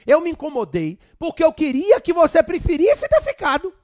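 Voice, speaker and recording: A Brazilian man mimicking his annoyed young wife in a higher, reproachful voice. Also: huge pitch swings, moderate pace, a little mellow, exaggerated voice.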